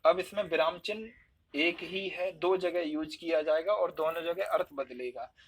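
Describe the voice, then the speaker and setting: Male teacher, husky and slightly high, patiently explaining and demonstrating examples aloud. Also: moderate pace. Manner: explains step by step, acts out examples with shifting stress. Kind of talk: spoken Hindi lesson.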